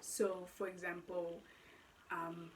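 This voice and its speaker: Speaking slowly in a fairly low, level voice, this twenty-something vlogger from Nigeria recounts her own story in a chatty, casual way. Her accent mixes Nigerian and South African, she thinks aloud and corrects herself as she goes, and the rough recording carries slight background noise.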